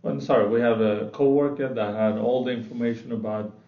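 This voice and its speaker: A Swedish-raised man plays a business client laying out his company's troubles in a role-play sales meeting, often repeating words as he talks. His voice is medium-pitched, steady and brisk. The sound is dull, and the room is echoey.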